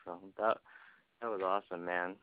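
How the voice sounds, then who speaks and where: A man's voice: low voice, steady tone, moderate pace, very noisy. A man who hosts a podcast, chatting casually with his guest and laughing often as he retells the story, on a dull lo-fi recording. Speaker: podcast host. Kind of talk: casual interview chat.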